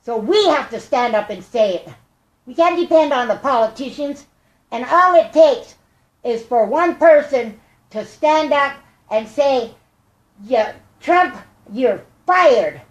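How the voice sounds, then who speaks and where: An older woman with a squeaky, chipmunk-like helium voice, speaking earnestly and haltingly in a rambling personal monologue. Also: expressive, lo-fi sound. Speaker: vlogger. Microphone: tablet microphone. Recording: echoey room.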